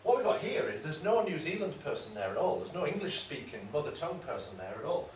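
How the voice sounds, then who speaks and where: A man's voice: on the high side, sing-song, quick pace. A man giving an academic lecture in a discursive, explanatory way, often correcting himself. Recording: roomy room, mic at a distance, faint noise.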